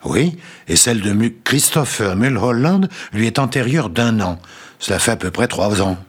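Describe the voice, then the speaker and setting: A man's voice: lowish voice, lively intonation, moderate pace, husky, pitched above the performer's own voice. A man voicing an eager, puzzled young man. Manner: earnest, puzzled, insistent. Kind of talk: storybook reading.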